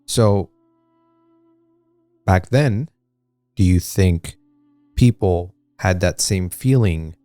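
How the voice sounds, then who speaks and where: A man's voice: low-pitched, drawn-out words, long pauses, warm tone, dry recording, faint music behind. A man co-hosting a casual history podcast, talking in a rambling way with many fillers and restarts. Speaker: podcast co-host.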